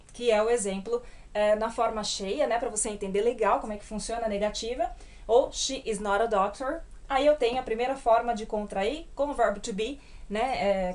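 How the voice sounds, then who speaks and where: A woman with a Brazilian Portuguese accent teaching English grammar at a whiteboard, patiently checking in with her students and slowing down to spell out the English examples. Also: fairly high pitch. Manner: patient, checks in often with tag questions.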